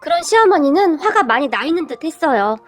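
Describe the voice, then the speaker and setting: A woman narrating a submitted family story in an expressive storytelling manner. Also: high voice, fast talker, faint music behind. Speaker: story reader. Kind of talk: scripted narration.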